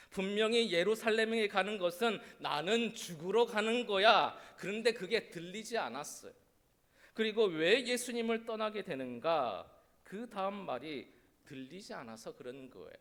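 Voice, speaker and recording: A man's voice: high voice, a bit bright. A male pastor preaching a Palm Sunday sermon in a church, emphatic, posing rhetorical questions and having the congregation repeat phrases. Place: church sanctuary. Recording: long reverb of a church hall.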